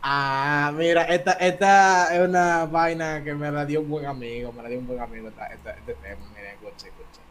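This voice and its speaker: A man with a Dominican accent hosting a casual podcast, talking in animated, profane slang. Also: fairly high pitch, a little fast. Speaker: podcast host. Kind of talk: casual chat.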